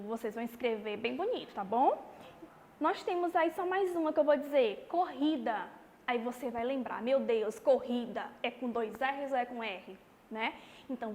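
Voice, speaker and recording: A woman with a high voice gives a recorded lesson to young pupils. She explains patiently and slowly, often pausing to check that they follow. Her voice rings with long reverb over a faint hiss. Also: a little mellow. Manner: patient, slow and explanatory, with frequent "tá bom?" check-ins. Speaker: primary school teacher. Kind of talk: recorded remote class lesson.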